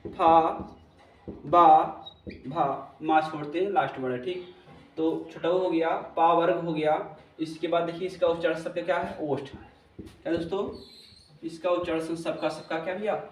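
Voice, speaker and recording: A man teaching a lesson, repeating each point and checking in with his listeners. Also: a little high. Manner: repetitive, checks in with listeners often. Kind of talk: classroom lesson. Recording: echoey room, mic at a distance, faint hum.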